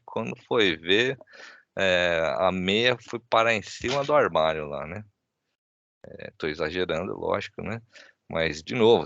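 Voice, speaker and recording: A man's voice: fairly low pitch, gravelly, fairly bright tone, no echo, lo-fi sound. A man telling a casual family anecdote, with many "né?" tags, acting out the lines of his family. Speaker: guest speaker. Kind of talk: casual storytelling in a talk.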